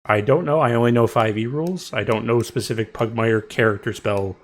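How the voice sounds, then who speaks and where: A man's voice: medium pitch, a little fast. A man as game master, explaining rules and narrating the scene with frequent ums and restarts. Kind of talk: narrating and ruling a tabletop game.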